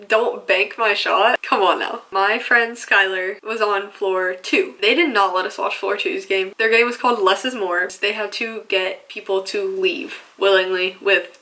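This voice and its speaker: A woman's voice: medium pitch, steady tone, a little slow, few pauses, pushed and bright. A young woman in college telling a chatty, self-mocking vlog story full of fillers. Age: young adult. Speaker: vlogger.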